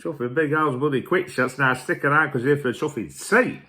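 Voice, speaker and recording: A man's voice: fairly high pitch, brisk, pushed and bright. A man hosting a show in a boisterous, sweary, rambling comic rant to camera. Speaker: host.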